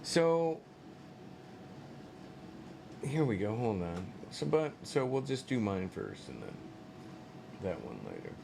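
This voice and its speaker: A man's voice: lowish voice, huge pitch swings, slow pace, creaky, long pauses, background noise. A man hosting a live-stream commentary show, rambling and swearing with many fillers and incredulous outbursts. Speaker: political commentary show host.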